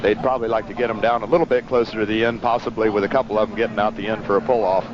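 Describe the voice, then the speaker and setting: A man's voice: lowish voice, fairly even intonation, very fast, crowd noise. A man giving analysis as a color commentator at an outdoor motorsport track. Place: outdoor track broadcast stand. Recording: dull broadcast audio, loud engine noise.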